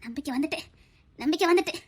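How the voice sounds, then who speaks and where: A woman's voice: sits high, expressive, racing. A woman playing a proud, sentimental old grandmother with a Tirunelveli accent. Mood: peaceful. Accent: Tirunelveli Tamil. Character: proud loving elderly grandmother, emotional. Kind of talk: comedy skit acting.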